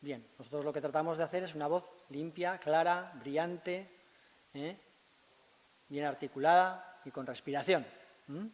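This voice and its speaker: A man's voice: on the high side, normal speed. A man, a speech therapist giving a conference talk in a large hall. He teaches step by step and keeps checking in with short tag questions. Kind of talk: conference presentation. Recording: long reverb of a large hall.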